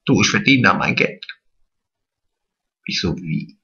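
A man puts on a vain, naive middle-aged woman, gossiping straight to the camera. Her voice is bright and swoops up and down, and she draws her words out slowly. The sound is dull and lo-fi, like a home video. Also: deep voice, expressive, creaky, pitched below the performer's own voice, full character voice. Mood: gossipy. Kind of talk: drag comedy monologue to camera.

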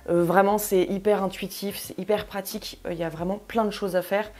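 A woman's voice: medium pitch, steady tone, a little fast, a little mellow. A young woman hosting a casual tech demo, chatty and full of fillers as she shows how a device works. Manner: chatty, many fillers, demonstrates while talking. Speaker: tech video host.

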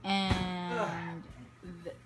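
A woman's voice: on the low side, little pitch movement, drawn-out words, very noisy. A young woman joking and teasing her friend in casual chat.

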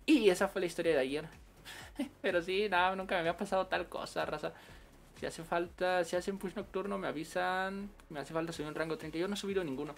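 Man, Mexican accent, game streamer, gravelly voice, relaxed slangy chat, faint music behind. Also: high-pitched, fairly quick. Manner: slangy, laughs often while storytelling. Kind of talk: casual livestream chat.

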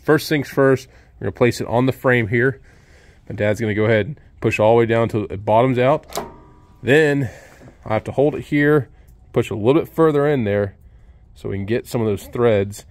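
A man's voice: medium pitch, normal speed. A man who owns a sawmill casually walks through a repair step by step, recorded outdoors on a handheld camera beside the machine. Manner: relaxed, explains step by step with fillers. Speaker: sawmill owner showing a repair. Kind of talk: casual how-to demonstration. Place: outdoors at a sawmill under an open shed.

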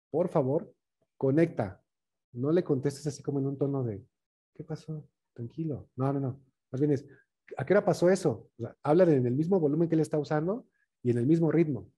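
A man leading a communication workshop in a conversational way, often checking in with quick tag questions. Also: on the high side, mellow, breathy edge.

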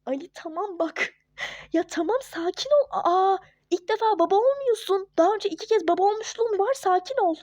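A woman voicing a young wife and mother in a home-made toy-game role-play, scolding and hushing her husband. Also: very high voice, a little fast, dry recording, voice pushed up. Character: young wife and mother, hurt but firm and sensible.

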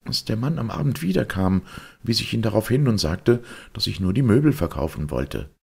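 A fretful elderly lady, voiced by a male reader, scolding and indignant. Her voice rises and bobs with agitation over a gravelly, husky texture, in a storybook reading. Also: fairly low pitch, very animated, normal speed, darkish tone, pitched above the performer's own voice, heavily acted.

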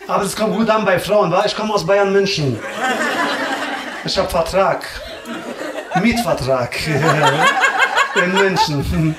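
On a comedy club stage, a man does live crowd work, teasing the audience in slangy street talk and dropping "Alter" and "Digga" constantly. His high, sing-song voice moves slowly, with long pauses. The echoey room carries loud hiss and clicks.

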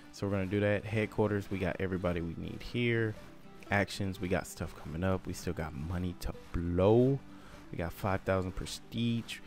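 A man giving casual gameplay commentary in laid-back slang, getting loud and hyped at times. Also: sits low.

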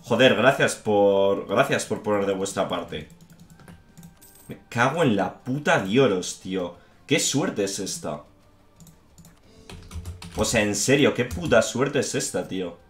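A man's voice: fairly low pitch, expressive, takes it slowly, pauses often, reverberant, soft background music. A man from Spain commentating his strategy game with frequent swearing and repeated "tío", speaking in a frustrated, fed-up manner. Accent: Spain Spanish. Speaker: gaming YouTuber. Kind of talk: gameplay commentary.

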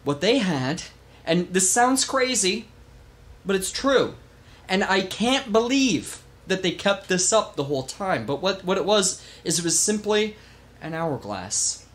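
A man hosting a casual history podcast, telling the story with animated emphasis and the odd swear word. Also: sits high, measured pace. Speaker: podcast host.

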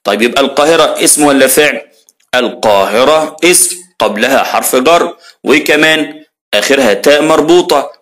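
A man's voice: mid-range voice, fairly bright tone. A man with an Egyptian accent teaching children grammar, asking questions aloud and then answering them himself. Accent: Egyptian Arabic. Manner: asks questions and answers them himself, addresses pupils as heroes. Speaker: primary school grammar teacher. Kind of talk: lively classroom explanation.

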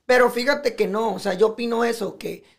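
Gravelly Mexican man, animated and profane. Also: very high voice, a little fast. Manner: animated, profane, acts out quoted speech. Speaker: podcast guest. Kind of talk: casual podcast conversation.

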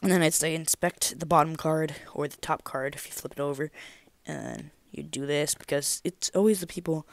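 A man's voice: a little high, no echo. A man giving casual, self-deprecating card magician patter as he hosts a magic trick demonstration. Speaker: host performing card tricks. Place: carpeted room at home.

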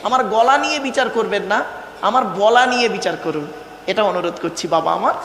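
A man with a very high, bright, ringing voice preaches a waz sermon over a PA, rattling off rhythmic lists and stretching key phrases slowly for weight. His voice bounces around a roomy hall with a long reverb tail, and a faint hum of ambience sits behind him. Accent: Bengali. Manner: calls out to the crowd, rhythmic lists, drawn-out emphatic phrases.

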